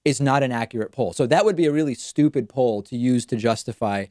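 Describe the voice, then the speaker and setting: Mellow-voiced man hosting a political call-in. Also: medium pitch, brisk, no room sound, clean studio sound. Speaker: host of a political call-in show. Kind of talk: unscripted political commentary.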